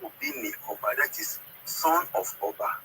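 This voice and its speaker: A caller from southern Nigeria, whose first language is Ika and who has a southern Nigerian accent, explains history haltingly, repeating words and checking he's understood. His tone is sharp, and the call audio is noisy.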